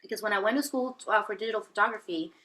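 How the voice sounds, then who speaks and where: Now very fast and mid-range, the same Venezuelan woman, a spiritual healer, speaks with a sharp tone over poor audio. As a guest in a personal interview, she narrates her life hesitantly, restarting and using lots of fillers.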